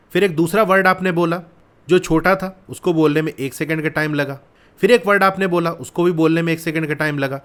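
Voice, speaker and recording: Patient male maths teacher, slightly high voice. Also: fairly bright tone. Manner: patient, repeats steps and asks questions. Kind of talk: casual explanatory lesson.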